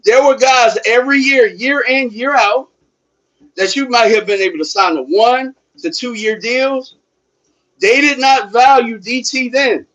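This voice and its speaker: High-pitched man ranting while on a treadmill. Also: unhurried, a bit bright, poor audio. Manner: talking while exercising on a treadmill; emphatic, repeats phrases, poses rhetorical questions. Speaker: sports fan livestream host. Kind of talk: livestream sports commentary, casual rant.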